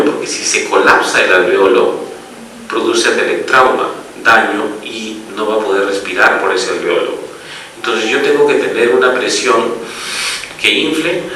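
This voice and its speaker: Male pediatric lecturer, patient and explanatory, bright tone, heard with heavy room echo and faint background noise. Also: medium pitch, far from the mic. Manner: explanatory, checks in often with the audience. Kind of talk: medical lecture.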